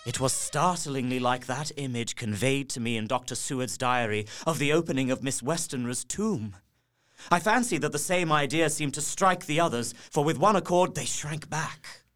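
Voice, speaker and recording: In an audio drama, an actor plays an earnest young gentleman narrating his horror journal in a measured, literary, haunted way. His medium-pitched voice has lively intonation and light acting, and the mood is suspenseful.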